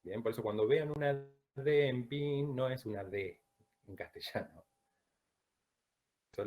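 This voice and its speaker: A man from Latin America teaching a Chinese pronunciation class, who drills sounds slowly and checks in with "¿bien?" after each point. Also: fairly low pitch, a little mellow. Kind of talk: online class lecture.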